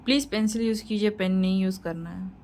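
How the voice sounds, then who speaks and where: A woman's voice: medium pitch, quick pace, darkish tone, a little hiss or hum, poor audio. A woman teaching a shorthand lesson, explaining each point patiently and repeating key points to reassure her students. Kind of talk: tutorial lesson.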